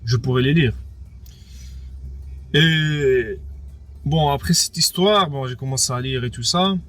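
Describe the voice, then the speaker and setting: A young French man of Moroccan background, who also grew up speaking Arabic, gives a casual personal testimony in an unhurried, mid-range, slightly bright voice. As an interviewee he hesitates a lot, repeats words and leans on fillers like "entre guillemets" and "quoi".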